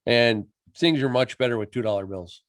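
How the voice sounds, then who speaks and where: A man from Michigan co-hosting a podcast, telling deadpan tall tales in casual chat. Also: medium pitch, normal speed, no echo, studio quality. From Michigan, USA. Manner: deadpan, tall-tale joking. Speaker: podcast co-host.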